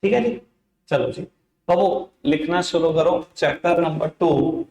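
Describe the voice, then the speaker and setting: A man's voice: on the high side, slow, gravelly, darkish tone, reverberant, poor audio. A man teaching an accounts class in a classroom, coaxing his students along and mixing into his talk. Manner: coaxing, addresses students as beta and babu. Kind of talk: classroom lecture.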